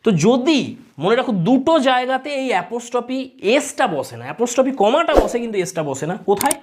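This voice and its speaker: Bengali-accented woman teacher, fairly high voice, patient exam-prep explainer who quizzes the class. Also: lively intonation, fast talker, background noise. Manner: explains step by step, asks students rhetorical questions. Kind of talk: exam-prep grammar lesson.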